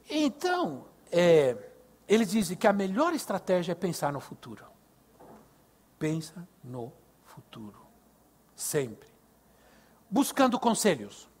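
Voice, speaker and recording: An older man with a Brazilian Portuguese accent, preaching a sermon at a youth service, telling stories and asking the congregation questions. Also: sits high. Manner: animated, acts out dialogue, asks the congregation questions. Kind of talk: sermon with storytelling.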